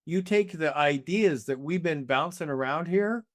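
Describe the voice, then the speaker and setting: A man's voice: on the high side, measured pace, dry recording, studio quality. A man in his sixties, a guest in a casual conversation, musing reflectively with an easy, sometimes profane manner.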